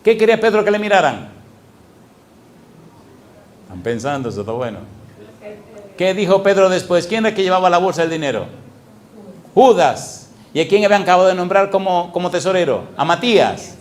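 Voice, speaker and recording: A middle-aged male pastor preaching a lively sermon in a church, often asking the congregation questions. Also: high voice, fairly quick, long pauses. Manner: animated, asks the congregation repeated questions. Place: church sanctuary.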